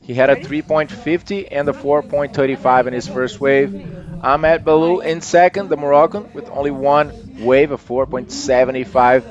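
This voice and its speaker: A man's voice: mid-range voice, fairly even intonation, normal speed, dull audio. A man giving live sports commentary as one of the broadcast's commentators.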